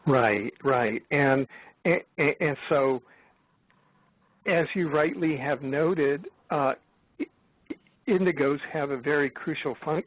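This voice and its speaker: A man in his seventies speaks as a guest over a thin, phone-like line. His voice sits a little higher than most men's. He talks haltingly, circling back with fillers and restarts. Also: no echo. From United States. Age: 70s. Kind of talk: casual chat.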